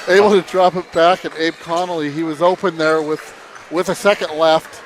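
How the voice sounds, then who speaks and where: A man doing live play-by-play commentary on a basketball game. He calls the action briskly and rises into shouts on the big plays. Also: fairly high pitch, steady tone. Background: basketball game noise.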